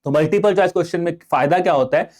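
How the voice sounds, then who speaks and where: A young adult man with an Indian accent speaks very fast in a slightly high, darkish voice while teaching exam prep online. He addresses his viewers as friends, switches between Hindi and English, and fires off one rhetorical question after another.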